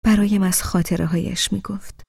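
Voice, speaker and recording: Low, gravelly woman narrating a novel. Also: fairly even intonation, darkish tone, dry recording, studio quality. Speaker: audiobook narrator. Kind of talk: first-person novel narration.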